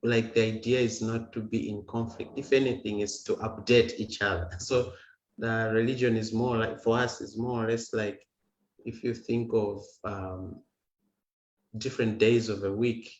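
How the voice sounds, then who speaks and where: A man's voice: lowish voice, little pitch movement, normal speed. Hesitant man in an echoey room. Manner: hesitant, repeats words when explaining. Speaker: guest musician. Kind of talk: singing and casual talk over video call. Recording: echoey, dull lo-fi sound with guitar. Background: guitar music.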